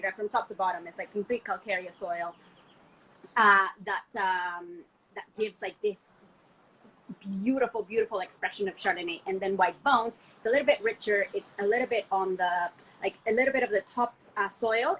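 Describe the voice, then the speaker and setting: A woman's voice: mid-range voice, normal speed, a bit bright, a little hiss or hum, low-quality recording. A young woman from Argentina, a wine export manager, talking about wine on a casual podcast call, gushing and full of "like" fillers. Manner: enthusiastic, chatty, many "like" fillers. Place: home, from a window view of the city.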